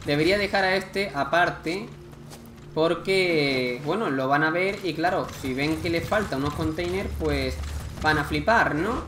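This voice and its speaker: A man's voice: a little high, a little slow, echoey room, noisy background. Chatty Spanish man with game commentary. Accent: Spain. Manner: chatty, excitable, slangy. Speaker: gameplay commentator. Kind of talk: casual gameplay commentary.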